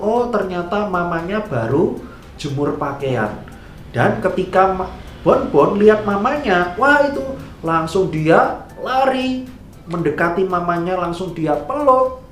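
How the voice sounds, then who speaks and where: A man teaching Sunday school, telling a story slowly and animatedly to children. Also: high voice. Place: church room. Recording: echoey room.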